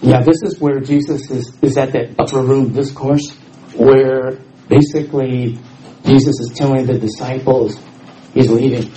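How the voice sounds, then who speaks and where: A warm, scratchy, mid-range voice comes from a middle-aged Houston man speaking as a guest in a church hall. The former missionary's sermon is casual and self-deprecating, and he often restarts his sentences.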